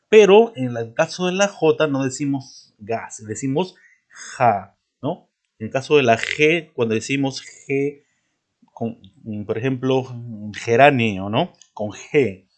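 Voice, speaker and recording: A man teaching a spelling lesson, patient, repeating points and asking the listener often, clearing his throat now and then. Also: medium pitch.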